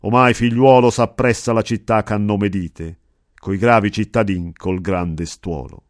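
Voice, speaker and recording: A man voicing a wise old male poet guide, speaking in calm, measured verse. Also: lowish voice, no room sound, clean studio sound, close to an everyday voice. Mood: solemn. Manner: measured, solemn recitation of verse.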